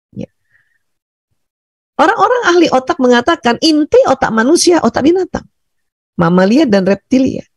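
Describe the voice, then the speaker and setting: Man from Bugis Makassar, seminar speaker: thick gravelly voice, dry close sound, animated. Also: very high-pitched, no echo. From Bugis Makassar, Indonesia. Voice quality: thick, loud voice. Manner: animated, laughs often, leads breathing exercises. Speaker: parenting and teaching speaker. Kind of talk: seminar talk to teachers and parents.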